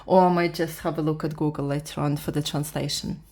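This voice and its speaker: Her voice is low, steady and a little mellow: a beginner art vlogger from Latvia with Russian as her first language and a Russian accent. Freshly awake, she works through a casual drawing tutorial in a halting way, often starting over and reading the instructions aloud.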